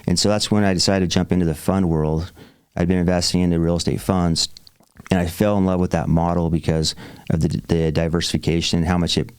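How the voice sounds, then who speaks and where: A man's voice: deep voice, clear, resonant tone, no room sound. A man in his forties, a real estate investor guest on a podcast, telling his story with upbeat enthusiasm and plenty of fillers. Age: 40s. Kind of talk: podcast interview.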